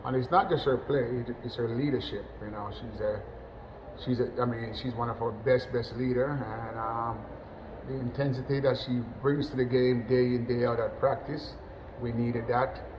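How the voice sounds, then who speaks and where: A middle-aged man from Jamaica, a national team football coach, talking in a relaxed post-match interview over a webcam, full of "you know" fillers and restarts. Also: mid-range voice, moderate pace, noisy background. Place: indoors, in front of a sponsor backdrop.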